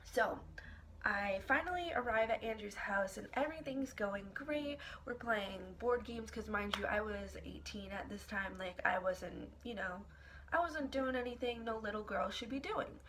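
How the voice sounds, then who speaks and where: A young woman vlogger telling an embarrassing personal story in a dramatic, expressive way, swearing casually and with lots of filler words. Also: medium pitch, moderate pace, slight background noise. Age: young adult. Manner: casual, profane, filler-heavy. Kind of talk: storytime vlog.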